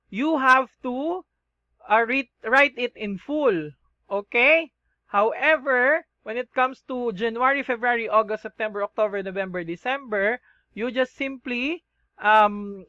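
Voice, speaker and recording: A man's voice: very high voice, pushed and bright, no room sound, dull audio. A man with a Filipino accent teaching a shorthand lesson, spelling things out letter by letter and checking in with the class. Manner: slow, spells letters one by one, checks in with "okay?".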